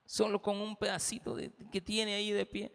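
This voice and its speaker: Impassioned Salvadoran pastor preaching. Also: male voice, high-pitched, completely flat delivery, normal speed, creaky, a bit bright, clear, resonant tone, big-room sound. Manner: impassioned, addresses the congregation directly. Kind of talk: sermon.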